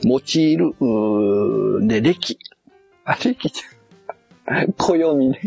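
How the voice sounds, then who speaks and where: A man's voice: medium pitch, expressive, takes it slowly, gravelly, darkish tone, soft background music. A man on a casual live stream, muttering and puzzling aloud as he reads a kanji quiz and corrects himself.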